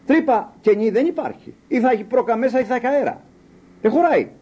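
Older male lay preacher, husky, warm dark tone, very animated delivery with questions. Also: extremely high pitch. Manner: animated storytelling, quotes dialogue, rhetorical questions. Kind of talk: sermon with personal stories.

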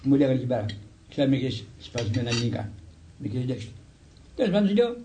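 An older man, a monk, recounting a personal story in a halting way, restarting words and acting out the dialogue he quotes. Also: mid-range voice, sing-song, dark tone, a little hiss or hum. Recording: echoey room.

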